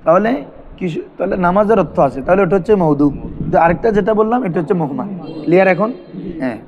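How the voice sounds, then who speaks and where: A man's voice: high voice, expressive, fast talker, lo-fi sound, a crowd in the background. A man teaching a classroom grammar lesson, asking his students questions and repeating terms for them to answer. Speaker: madrasa teacher.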